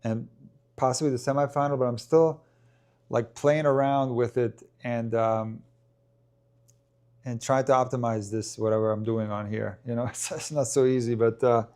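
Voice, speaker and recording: A man's voice: mid-range voice, steady tone, moderate pace, a little mellow, clear, resonant tone. A man hosting a casual tennis live stream who talks loosely with many ums and restarts while answering viewer questions.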